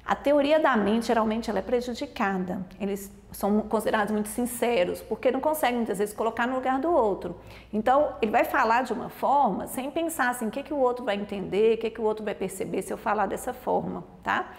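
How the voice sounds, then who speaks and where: A woman's voice: fairly high pitch, quick pace, creaky. Brazilian woman doctor explaining, reverberant room. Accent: Brazilian Portuguese. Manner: explanatory, peppered with "tá?" check-ins. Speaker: pediatric neurologist. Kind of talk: explanatory video lesson.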